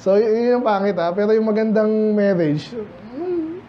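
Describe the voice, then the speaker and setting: A man's voice: sits high, expressive, a little slow, muffled recording, slight background noise. A man with a Filipino accent preaching a casual, joking midweek Bible study sermon to his congregation. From Philippines. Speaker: pastor. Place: church.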